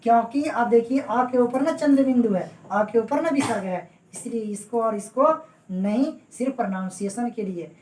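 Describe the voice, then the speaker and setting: A woman with a slightly high, somewhat mellow voice teaches Hindi grammar for exam preparation at a normal speed, repeating her points and affectionately checking that her students are keeping up. It's a classroom lecture recorded far from the mic in a room with noticeable echo and a little background noise.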